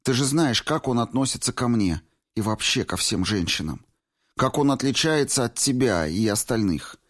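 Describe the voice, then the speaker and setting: Audiobook: male reader voicing an earnest young woman, raised and pleading, lively intonation. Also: moderate pace, lightly acted. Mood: anxious. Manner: raised pitch, emphatic and pleading. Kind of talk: audiobook reading.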